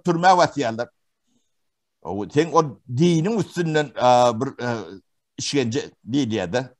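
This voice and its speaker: A man from Turkmenistan giving testimony in an interview, talking haltingly with many pauses and fillers. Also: fairly high pitch. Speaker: witness interviewee.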